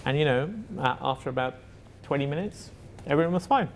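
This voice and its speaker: A man's voice: mid-range voice, brisk, gravelly, a little hiss or hum. A man talking as an interview guest about his work as a facilitator, in a reflective and hesitant way with many fillers and restarts. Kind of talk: reflective conversational answer.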